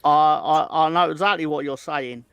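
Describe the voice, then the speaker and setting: A man's voice: fairly high pitch, moderate pace, smooth, lo-fi sound. A man co-hosting a casual football chat, full of wry, joking asides. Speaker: podcast co-host.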